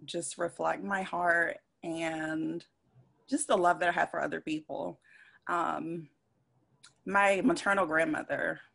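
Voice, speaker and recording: A soft-spoken woman guest who pauses often and hesitates as she speaks. Her voice is low and gravelly, with a husky edge. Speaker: interview guest. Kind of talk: personal interview chat.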